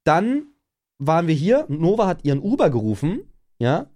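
A man's voice: fairly high pitch, normal speed. A young man, co-hosting a casual podcast and animatedly acting out a story. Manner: animated storyteller, acts out quoted dialogue. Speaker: podcast co-host.

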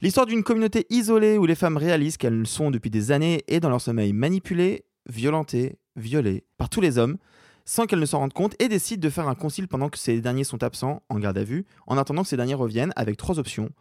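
A man's voice: a little high, animated, quick pace, a little mellow, no echo, studio quality. A male podcast host leading a film debate, joking and keeping things moving.

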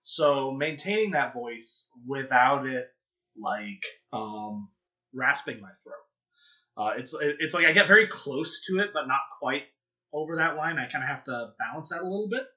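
A man's voice: medium pitch, expressive, moderate pace, bright, forceful tone, muffled recording. A man who voices characters on a podcast, talking through his process in a casual, hesitant way with easy laughs. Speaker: podcast voice actor. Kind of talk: casual panel chat.

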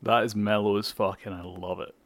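This young podcast co-host speaks fairly quickly, his voice on the low side and his tone steady. The talk is a casual chat about music, full of swearing and long explanations.

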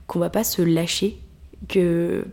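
Speaking slowly in a low, gravelly, mellow voice with a steady tone, this twentysomething podcast host talks from her apartment. Her casual chat is reflective and confiding, and she slips from French to English and back within sentences.

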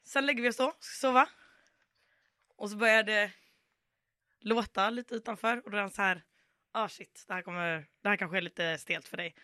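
Very bright-voiced woman telling a story. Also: medium pitch, long pauses, dry recording, clean studio sound. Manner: animated storyteller, acts out quoted dialogue. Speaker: podcast guest. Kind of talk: casual anecdote telling.

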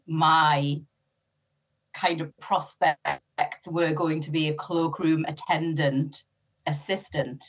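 A former police officer born in Sri Lanka and raised in North East England chats as a podcast guest in a casual interview, speaking with a North East English accent. Her voice is low and the audio dull, and she laughs easily and says "um" often.

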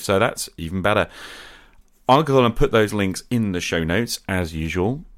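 A man with a deep voice hosts a podcast in a very dry acoustic. He talks casually and conversationally, sounding appreciative as he addresses callers and listeners. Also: dry recording. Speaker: podcast host. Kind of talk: casual chatty podcast outro.

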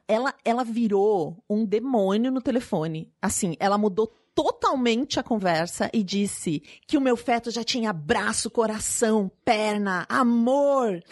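A young adult woman with a Brazilian Portuguese accent, telling a personal story as an interview guest in an animated, dramatic way. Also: fairly high pitch, dry recording, studio quality.

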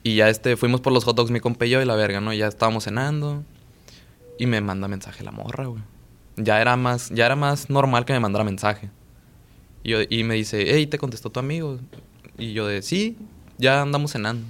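A man's voice: lowish voice, fairly quick, a bit bright, clear, resonant tone. A young man with a Mexican accent tells a long story in loose, slangy Spanish. He swears often and quotes himself and others as he goes. It sounds like friends chatting on a podcast. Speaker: podcast co-host. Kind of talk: casual storytelling chat.

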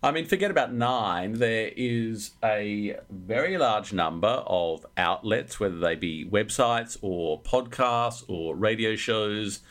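A male panelist offers considered media commentary in conversation. His pitch is a little on the low side. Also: lively intonation, slow, hardly any pauses, a bit bright.

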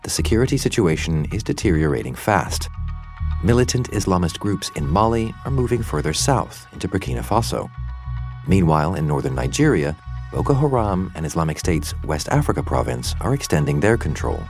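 A man hosting a news podcast, reading a formal, clear introduction and then questioning a correspondent. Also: deep voice, sing-song, brisk, a little mellow, faint music behind. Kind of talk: scripted news introduction and interviewing.

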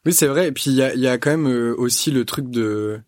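A guest musician on a casual podcast rambles thoughtfully in long, winding sentences, restarting as new ideas come to him. His voice is medium-pitched, a little fast and darkish, recorded close on a studio mic with no room sound at all.

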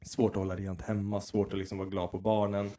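A man in his thirties chatting casually as a podcast co-host, telling rambling, animated stories and swearing freely. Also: low-pitched. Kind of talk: casual chat.

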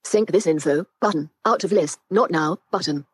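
A synthetic female screen reader voice, lowish and breathy at the edges, reads out on-screen labels and buttons at a moderate pace. It plays through a Bluetooth speaker, yet the recording is studio quality with no room sound.

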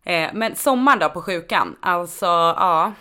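A woman's voice: on the low side, animated, bright, forceful tone, smooth. A woman with a Stockholm accent telling stories in casual, informal, slangy conversation as a podcast co-host. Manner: informal, sweary, slangy speech. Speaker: nurse.

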